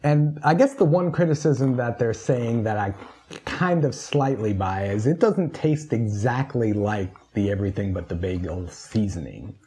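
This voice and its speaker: A man's voice: fairly low pitch, expressive, moderate pace, warm tone. A middle-aged man in casual food-review chat, jokey and opinionated as a co-host. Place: small indoor room at a table. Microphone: lapel mic.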